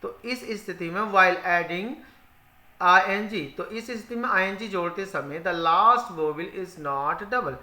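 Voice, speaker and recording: A man's voice: sits high, slow pace, sharp tone. A male teacher who explains spelling rules. He repeats each rule in Hindi and asks questions that he then answers himself. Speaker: English teacher. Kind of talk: spoken grammar lesson. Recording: echoey room.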